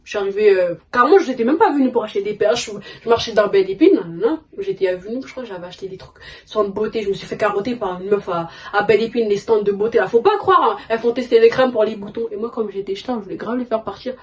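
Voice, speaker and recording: A woman's voice: medium pitch, fast talker, hardly any pauses. A young woman chatting casually in a vlog, rambling and slangy with lots of fillers. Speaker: vlogger. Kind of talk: casual chat.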